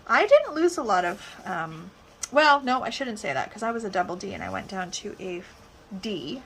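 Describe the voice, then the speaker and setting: A woman's voice: mid-range voice, big pitch swings, moderate pace, fairly bright tone. A woman with a Canadian Prairie accent, a nail technician chatting and teasing her client while she works, laughing easily. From Saskatchewan, Canada. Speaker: nail technician, channel host. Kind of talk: casual chat while working. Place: nail salon, indoors. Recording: noisy salon, nail sanding behind.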